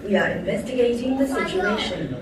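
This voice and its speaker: A woman's calm, formal announcement played over a PA system in a large public building. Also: medium pitch, a little fast. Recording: echoey loudspeaker from far off in a crowd. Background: crowd chatter.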